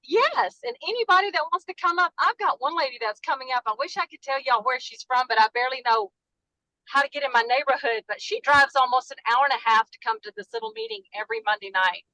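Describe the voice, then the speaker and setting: A woman's voice: high-pitched, animated, fast talker, pushed and bright, no room sound, poor audio. A woman with a Dallas Texas accent, calling in by phone while driving, chatting effusively and apologizing for interrupting. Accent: Texan (Dallas). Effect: calling in by phone while driving a car. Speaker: caller, notary. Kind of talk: casual chat on a video call. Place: in a car.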